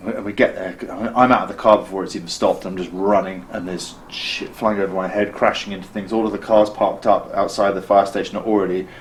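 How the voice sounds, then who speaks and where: A British man with a somewhat low voice tells a story in a relaxed interview. He recounts it animatedly, slipping into the voices of the people involved and stumbling over restarts. A faint hiss sits under the recording. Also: fairly quick, hardly any pauses, low-quality recording. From Britain. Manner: vivid, acts out quotes, frequent restarts. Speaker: filmmaker interviewed as guest. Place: costume shop.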